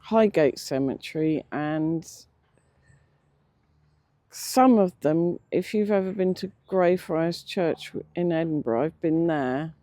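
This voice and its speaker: An older English vlogger talking casually and reflectively outdoors, pausing often, with slightly slurred, toothless-sounding words. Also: mid-range voice, mellow, dry recording. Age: middle-aged or older. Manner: hesitant, reflective, with many pauses. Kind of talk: casual unscripted vlog narration. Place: outdoors, sitting in a cemetery beside a road.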